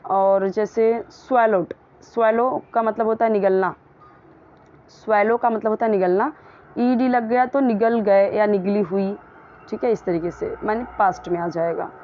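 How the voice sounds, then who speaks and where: A woman teaching English grammar and pronunciation in a casual, patient way, often repeating words slowly so they can be copied. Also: mid-range voice, fairly even intonation, muffled recording.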